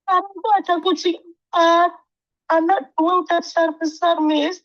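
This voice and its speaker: A woman's voice: very high voice, fairly even intonation, moderate pace, a bit bright, muffled recording. A woman migrant worker calling in, in pain and crying, speaking plaintively and politely. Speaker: caller, migrant domestic worker.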